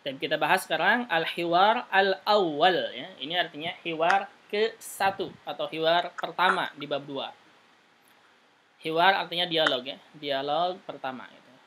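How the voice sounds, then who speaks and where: A man teaching a private Arabic lesson, explaining patiently and reading Arabic phrases slowly. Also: fairly high pitch, pushed and bright, a little hiss or hum.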